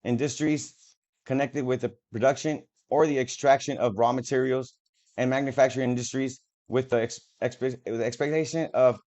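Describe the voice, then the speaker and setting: A man's voice: medium pitch, fairly even intonation, moderate pace, a little mellow. A man reading official documents aloud to the camera, stumbling over words and breaking off for casual, profane asides. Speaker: video creator. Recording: dull lo-fi audio.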